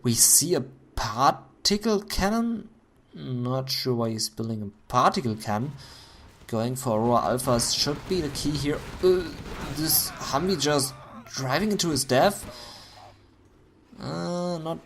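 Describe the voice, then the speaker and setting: Man, game caster, hoarse voice, mid-pitched, faint background noise. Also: measured pace. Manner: excited bursts at big plays. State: voice going hoarse. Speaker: esports caster. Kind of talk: solo game commentary.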